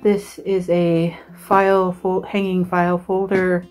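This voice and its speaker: A woman's voice: fairly low pitch, flat delivery, slow, darkish tone, soft background music. A woman from Australia giving a casual, chatty show-and-tell as a vlogger, rambling in a giggly, self-deprecating way. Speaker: vlogger and writer giving a desk tour.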